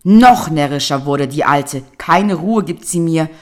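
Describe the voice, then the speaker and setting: A woman's voice: low-pitched, expressive, a little slow. A woman voicing a timid old fisherman who meekly pleads with a magic fish in a storybook reading. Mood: pleading. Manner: pleading, meek, bowing.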